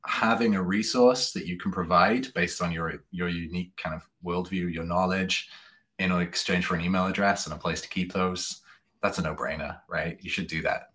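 A man chatting as a podcast guest, telling anecdotes in a relaxed, chatty way and laughing easily. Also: deep voice, moderate pace. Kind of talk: casual chat.

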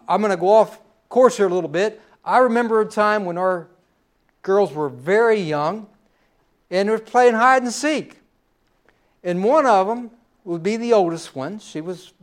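High-voiced middle-aged man preaching. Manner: folksy storytelling with personal asides. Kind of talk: sermon.

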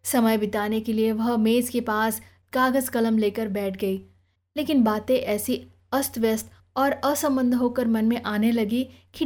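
A woman narrating a novel as an audiobook, in a steady, measured storytelling manner. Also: fairly high pitch.

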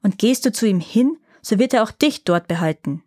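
A woman's voice: medium pitch, animated, moderate pace, a little mellow, dry recording, studio quality, natural voice. A woman reading a fairy tale aloud and voicing an envious, spiteful young girl who talks haughtily. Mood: angry. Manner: haughty, angry.

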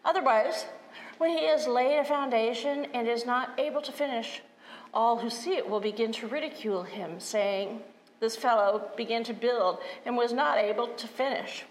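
A woman pastor reading liturgy and scripture in a steady, formal voice, heard in an echoing church sanctuary. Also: on the high side, moderate pace. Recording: echoey church sanctuary, faint room noise.

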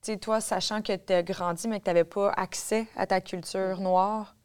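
A woman's voice: mid-range voice, steady tone, normal speed, darkish tone, smooth. A woman, hosting a podcast and asking long, attentive questions. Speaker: podcast host. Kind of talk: interviewing on a podcast.

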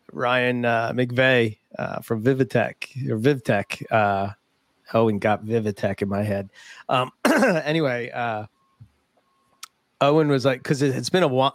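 A man's voice: medium pitch, no echo. Male podcast host, loose and rambly, laughs a lot, dry close mic. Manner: rambling, filler-heavy, laughs often. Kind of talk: casual chat.

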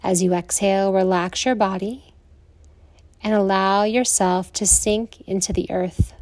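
An American woman leads a guided relaxation in the manner of a sleep story narrator. Her mid-pitched voice is slow and soothing, with long pauses between phrases. The sound is dry, with hardly any echo. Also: fairly even intonation, darkish tone. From lives in southern Colorado, United States. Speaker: yoga nidra teacher.

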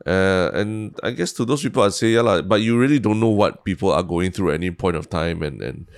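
A deep-voiced man with a Singaporean accent talks casually in Singlish on a podcast. His voice is gravelly, and he restarts and repeats words as he works through a thought. The recording is dry. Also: no echo. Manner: colloquial Singlish with local particles; halting, repeats words as he thinks. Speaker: podcast co-host. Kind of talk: casual chat.

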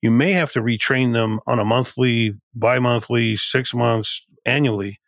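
A man with a gravelly edge to his voice speaks as a podcast guest, sharing business lessons with emphatic, repetitive phrasing. The recording is close and dry, with no room sound around him. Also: mid-range voice, steady tone, a little slow, dry recording. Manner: emphatic, repeats and restarts phrases. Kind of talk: conversational podcast interview.

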